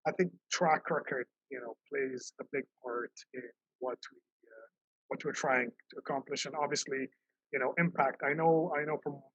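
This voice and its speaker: A man's voice: medium pitch, fairly even intonation, normal speed, a bit bright, slightly rough, no echo, highs cut off. A man hosting a podcast interview in a friendly, casual way, with frequent fillers and repeated words. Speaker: podcast host.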